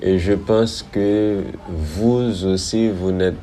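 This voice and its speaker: A man teaching English verbs, drilling conjugations slowly with many repetitions and frequent check-ins. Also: fairly low pitch, fairly even intonation, mellow, a little hiss or hum. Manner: slow, repetitive drilling, asks "Ok?" often.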